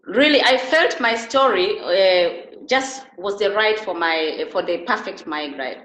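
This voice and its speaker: A middle-aged woman from Uganda talks as an interview guest, earnest and halting, often restarting her sentences. Her voice sits in an average range. The recording carries a roomy echo. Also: mid-range voice, animated, a bit bright, lo-fi sound. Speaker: interview guest, beauty and wellness therapist. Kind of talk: conversational interview. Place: Germany.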